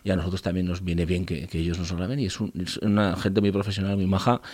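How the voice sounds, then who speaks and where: A man's voice: low voice, flat delivery, quick pace, darkish tone, no room sound. A man, a band musician talking in a radio interview, rambling with many restarts.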